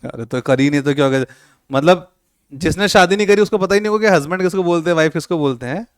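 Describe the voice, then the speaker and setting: A man's voice: fairly high pitch, quick pace, smooth, dry recording, clean studio sound. A man teaching a classroom lecture, joking with and quizzing his students, mixing with words. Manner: playful, teasing students with questions.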